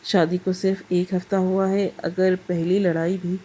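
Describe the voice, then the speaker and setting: Woman storyteller, first-person moral tale, even and reflective, low mellow voice, faint background noise. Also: rough recording.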